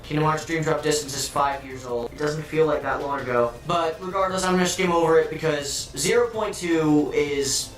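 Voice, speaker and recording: A man reviewing a video game in a casual, excitable and sarcastic way, swearing freely, his voice doubled into a robotic, phasey sound. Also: a little high, normal speed, few pauses. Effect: doubled, phasey robotic-sounding audio from an editing mistake. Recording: echoey, distant, doubled audio with faint music.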